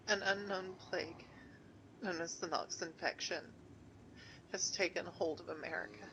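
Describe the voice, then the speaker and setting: A woman's voice: on the low side, bright, forceful tone, slight background noise, low-quality recording. An actress voicing a frightened female field reporter pleading through a plague broadcast in a video game. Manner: frightened, pleading, slow halting delivery. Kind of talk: video game radio drama.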